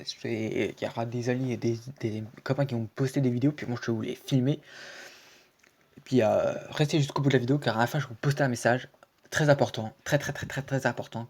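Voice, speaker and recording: A man talking over a recorded mobile game match for his channel, in a mid-pitched, ordinary voice. He rambles and hesitates, stacking fillers and restarts and falling back on the same stock phrases again and again. His delivery is loose and unscripted, a casual gameplay commentary. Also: darkish tone, slightly rough. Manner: keeps repeating stock phrases. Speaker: video game channel host. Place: home screen recording, voice-over.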